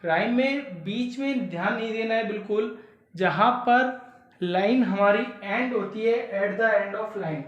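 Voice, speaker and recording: A woman's voice: medium pitch, slow pace, muffled recording. Teacher woman in an echoey room. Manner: explains step by step, repeats key words, asks rhetorical questions. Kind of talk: exam prep lesson. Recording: echoey room, voice far from the mic.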